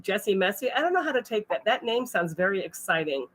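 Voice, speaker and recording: A woman's voice: medium pitch, big pitch swings, fast talker, fairly bright tone. A woman hosting a casual livestream, chatting and reading viewer comments aloud with frequent laughs. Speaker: livestream host.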